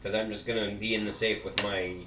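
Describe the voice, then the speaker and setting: A man's voice: fairly low pitch, flat delivery, fairly quick. A man playing in a tabletop game, talking offhandedly with the group. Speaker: player. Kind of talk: casual table talk. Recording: echoey room, mic far off, crowd chatter.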